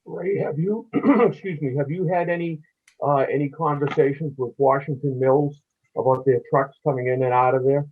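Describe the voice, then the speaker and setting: A man with a somewhat high voice puts friendly, joking questions to a presenter at a town committee meeting. His voice comes through thin and tinny, like over a phone line. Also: steady tone, normal speed. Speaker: committee member.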